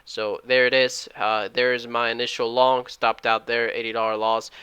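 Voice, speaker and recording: A man recapping his day trades at home, talking fast and loud and often correcting himself. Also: medium pitch, little pitch movement, clean tone, no room sound. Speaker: day trading YouTuber. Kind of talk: screen-share trade recap. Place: at home, alone.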